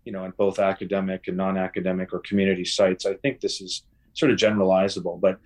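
Measured man with many fillers. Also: low-pitched, level tone. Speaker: guest researcher. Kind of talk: podcast interview.

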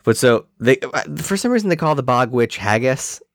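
A man's voice: medium pitch, sing-song, moderate pace, dry recording, studio quality. A man co-hosting a podcast, riffing jokily about a film and acting out lines. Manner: riffing, jokey, acts out lines. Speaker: podcast co-host. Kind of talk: casual film chat.

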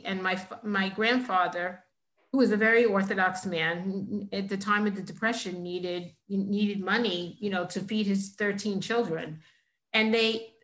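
A middle-aged woman tells a personal story to her host, emphatic and animated and often tripping over her own restarts. Her voice sits at a medium pitch. The recording has a roomy echo around it. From New York, United States. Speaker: author and guest.

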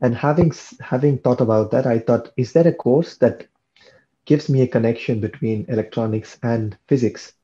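The muffled recording captures a warm mid-range voice at normal speed. It belongs to a young Tamil-speaking PhD student from India, a guest in a relaxed interview who discusses his studies and frequently repeats words while thinking.

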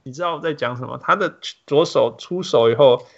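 A man hosting a casual podcast chat, switching freely between Mandarin and English in an animated way. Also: mid-range voice, a little fast, creaky, highs cut off. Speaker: podcast host.

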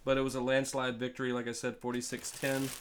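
A man's voice: medium pitch, completely flat delivery, fast. A man in his forties co-hosting a casual sports chat, joking, swearing and laughing often. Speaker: podcast co-host.

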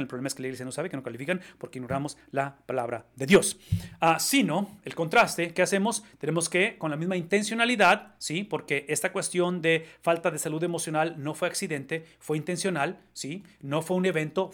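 A man delivering a sermon in a slightly high-pitched voice. He preaches with emphasis, tossing rhetorical questions to the listeners and checking that they follow. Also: a bit bright. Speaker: pastor.

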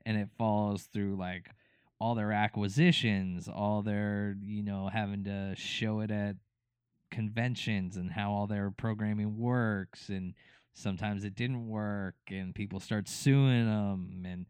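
A man's voice: on the low side, fairly even intonation, unhurried, darkish tone, clean tone, no echo. A man co-hosting a podcast, chatting casually about a TV show with lots of fillers and restarts. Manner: rambling, many fillers and restarts. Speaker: podcast co-host. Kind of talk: casual chat recapping a TV show.

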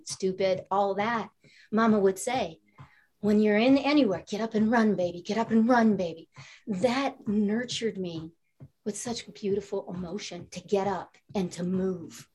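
A woman's voice: mid-range voice, a little mellow. Upbeat inspirational woman speaker. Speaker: panel speaker, author. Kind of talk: motivational talk.

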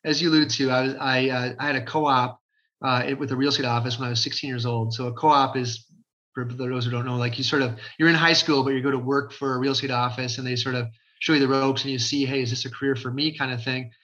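Bright-voiced chatty man, dull lo-fi sound. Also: medium pitch, fast talker. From Ontario, Canada. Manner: energetic, chatty, many fillers. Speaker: guest, realtor. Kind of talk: casual interview talk.

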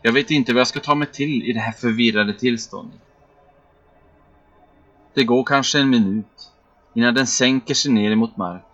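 A man telling a first-person story as scripted narration, in a measured, steady delivery. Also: medium pitch. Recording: dull, muffled recording with faint background music.

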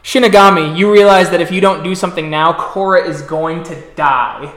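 A man's voice: fairly high pitch, normal speed, fairly bright tone, reverberant. A man running a tabletop role-playing game as storyteller, describing scenes with easy laughs. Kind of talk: narrating a tabletop game over voice chat.

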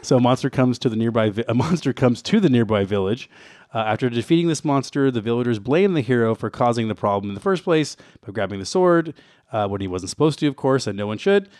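A man's voice: medium pitch, expressive, fast, darkish tone, dry recording, studio quality. A man co-hosting a casual retro gaming podcast, presenting background notes with wry, joking asides. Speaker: co-host giving game background.

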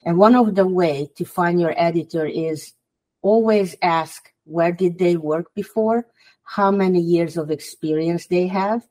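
Her voice is mellow, on the low side and a little slow. She is from Hungary and speaks English as a second language with a Hungarian accent, giving earnest advice as a guest author in a podcast interview.

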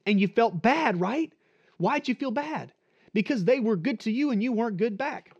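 A man's voice: very high-pitched, expressive, normal speed, darkish tone, husky, muffled recording. A man preaching a sermon in a conversational way, asking the listeners questions and acting out short quoted lines. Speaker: pastor.

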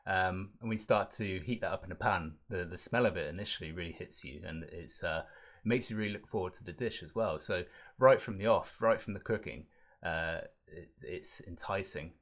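A man's voice: sits low, brisk, a bit bright. A man co-hosting a food podcast, talking in a hesitant, filler-heavy way and laughing easily. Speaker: podcast co-host. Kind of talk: casual chat.

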